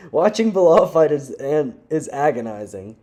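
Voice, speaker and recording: An animated young man ranting on his video channel in loose, slangy talk, laughing between his points. His voice sits a little high for a man, with a mellow, soft tone. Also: a little slow. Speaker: vlogger. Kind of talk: casual rant.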